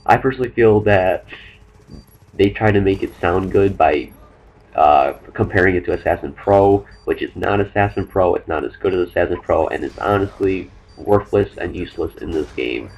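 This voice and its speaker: A young man commenting over his own gameplay, talking fast and rambling with many fillers and restarts. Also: low-pitched, vocal fry, muffled recording. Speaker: gaming commentator.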